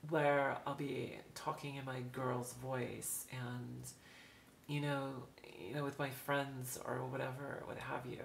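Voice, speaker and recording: A woman's voice: a bass voice, little pitch movement, slow pace, creaky, a little hiss or hum. A woman vlogger speaking earnestly and confessionally to her viewers, recorded in an echoey room. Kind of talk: personal video diary.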